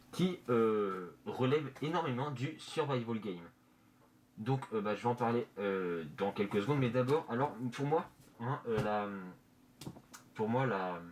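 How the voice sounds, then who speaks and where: Guy doing a casual vlog thru a face mask, kinda muffled, searching for words, bit of background noise. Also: medium pitch. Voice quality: slightly muffled, talking through a face mask. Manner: hesitant, halting, searching for words. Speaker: manga review vlogger. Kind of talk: casual unscripted presentation. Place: bedroom, indoors. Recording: noisy amateur room recording.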